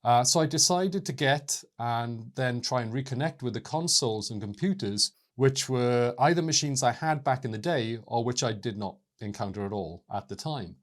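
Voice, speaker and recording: A man, explaining at an even, measured pace as host of his own channel, with small hesitations. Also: mid-range voice. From South Wales. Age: 50s. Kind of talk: scripted talk to camera.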